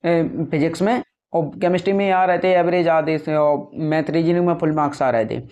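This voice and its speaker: An earnest young man talks casually to his viewers, calling them brothers and repeating his points so they sink in. His voice sits a little high for a man. The sound is dull and lo-fi. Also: fairly even intonation, brisk, darkish tone. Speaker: successful exam candidate giving advice. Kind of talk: casual advice talk to camera.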